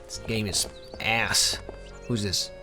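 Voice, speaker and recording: A man's voice: on the low side, fairly even intonation, slow, bright, forceful tone, faint music behind. A man giving casual, irreverent commentary while playing a game, sarcastic and swearing often.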